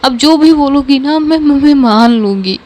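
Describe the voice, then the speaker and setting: A woman's voice: high-pitched, normal speed, darkish tone, lightly acted. A woman voicing a heartbroken young woman who begs her lover for the truth, tearful and repeating herself. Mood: pleading. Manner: tearful, pleading, repeating please. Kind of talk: storytelling narration.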